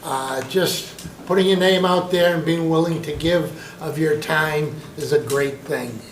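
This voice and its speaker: A man chairing a town council meeting, running motions and votes in a brisk, genial procedural way. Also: on the high side, steady tone. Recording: echoey council chamber with background noise.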